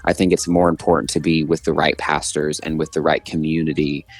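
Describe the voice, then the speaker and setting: In his twenties and hailing from Oklahoma, this American-accented singer-songwriter chats casually as a radio interview guest. His very deep voice barely moves in pitch and comes fairly quick. It is a dry recording.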